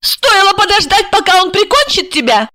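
A shaken young woman in shock, her voice thin and shrill, pitched far above a normal speaking voice. She sounds timid and dazed, and the recording is close and dry. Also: sing-song, moderate pace, sharp tone, dry recording, heavily acted. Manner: high squeaky put-on voice. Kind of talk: audiobook character voicing.

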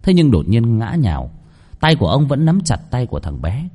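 A man's voice: mid-range voice, huge pitch swings, moderate pace, dark tone, breathy edge. A man narrating a horror story in a dramatic, suspenseful way.

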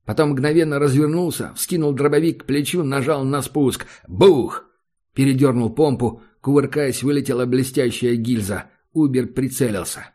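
A man narrating an audiobook in a steady, dramatic storytelling manner. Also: medium pitch, moderate pace, few pauses. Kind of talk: scripted narration.

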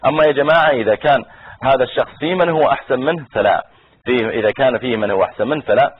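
A man giving a conversational religious lesson, briefly voicing the people he quotes, his voice husky. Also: mid-range voice, rapid-fire. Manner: conversational, acts out quoted speakers. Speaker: preacher. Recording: tinny phone-like recording.

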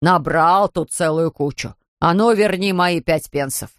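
Woman reading as a quarrelsome grown man demanding money back, slow, low. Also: no room sound, studio quality, close to an everyday voice. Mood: aggrieved. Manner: nagging, aggrieved. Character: quarrelsome man in a long scarf.

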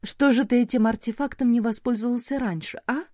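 A woman's voice: fairly high pitch, steady tone, brisk, warm tone, no room sound, clean studio sound, pitched above the performer's own voice, close to an everyday voice. A woman reading an audiobook, voicing a young mother who answers sharply and defiantly in a raised voice. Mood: anguished, defiant.

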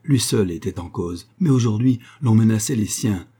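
Dark-voiced man narrating an adventure audiobook. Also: on the low side, moderate pace, breathy edge. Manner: steady dramatic reading.

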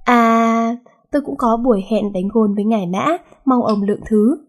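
A woman's voice: fairly high pitch, normal speed, close to an everyday voice. A woman voicing a stiffly polite, formal middle-aged father-in-law. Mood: stiff politeness.

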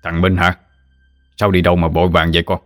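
A man's voice: sits low, fast talker, no echo, clean studio sound, soft background music, natural voice. A man voicing an urgent, commanding old village man. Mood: concerned.

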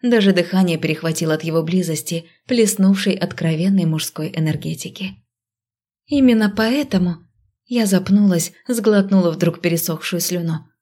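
A woman with a lowish voice narrates a novel in the first person. Her storytelling is measured and expressive. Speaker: audiobook narrator.

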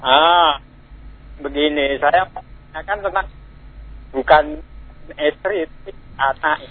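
A man calling in to a radio advice show, speaking in halting, broken-off phrases over a phone line that keeps cutting in and out. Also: on the high side. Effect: phone line breaking up, cutting in and out. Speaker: radio call-in caller. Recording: tinny phone line breaking up.

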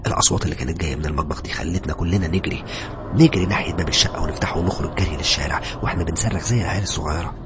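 A man's voice: deep voice, over music. A man with an Egyptian accent narrating a horror story in a dramatic way. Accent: Egyptian Arabic. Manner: rapid, dramatic telling.

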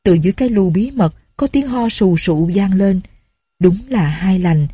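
A woman narrating a story in a calm, even reading voice. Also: mid-range voice, normal speed, breathy edge, no room sound, studio quality.

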